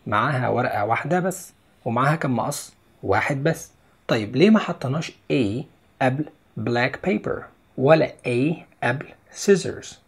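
Husky Egyptian man teaching English. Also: medium pitch, expressive, moderate pace. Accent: Egyptian Arabic. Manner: explains step by step, repeats each English word twice. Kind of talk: video lesson.

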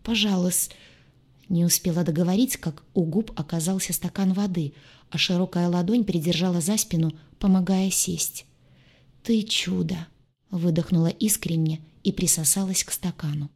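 A woman narrating a novel in the first person, with a low voice. Her tone is husky, and her delivery is wry and expressive. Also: moderate pace. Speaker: audiobook narrator.

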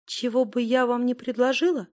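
A young woman caught between love and loyalty, soft-spoken and quietly pleading, as a woman reading the story puts her on. Her words come gentle and low, a storybook heroine holding herself together. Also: steady tone, moderate pace, natural voice.

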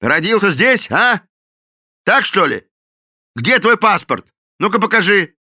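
A man voicing a loud, blustering, dim-witted police captain who barks and bullies. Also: medium pitch, very animated, a little fast, no echo, studio quality, pitched above the performer's own voice. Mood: bullying. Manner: barking, bullying, shouting.

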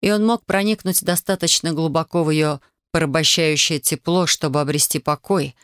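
A narrator reading an audiobook in an intimate, unhurried way. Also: mid-range voice, fairly even intonation, a bit bright, clear, resonant tone, dry recording, studio quality.

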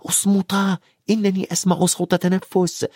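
A man doing Harry, a curt hushed schoolboy. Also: high voice, little pitch movement, moderate pace, breathy edge, no room sound, studio quality, voice pushed up. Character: terse schoolboy leading the group.

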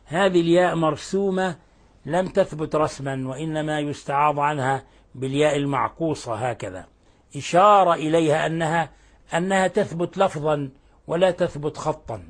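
An older man teaching Quran recitation rules, explaining patiently and reciting verse examples slowly and drawn out. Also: on the high side. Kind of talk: tajweed lesson with recited examples.

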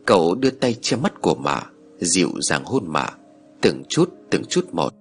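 A man narrating an audiobook story in an expressive, dramatic way. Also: deep voice, normal speed.

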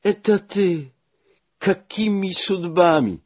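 A frail old émigré princess, tearful and affectionate, her voice climbing high and husky as she draws out each word, as a man reading a memoir puts her on. The sound is dull and lo-fi, like an old audiobook. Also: slow, warm tone, full character voice. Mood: tearful joy.

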